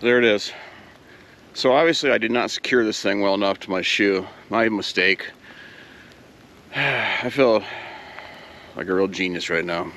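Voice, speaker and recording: A man's voice: lowish voice, measured pace, pauses often, fairly bright tone, a little hiss or hum. Easygoing man vlogging on a snowy trail. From Ohio. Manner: easygoing, self-deprecating, frequent "uh" fillers. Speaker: outdoor vlogger. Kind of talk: casual hiking vlog.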